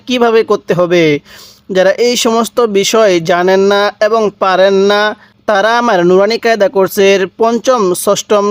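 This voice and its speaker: A man teaching Quran reading step by step, spelling out letters slowly and repeating each sound for learners. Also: high voice, smooth, no echo. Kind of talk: step-by-step recitation lesson.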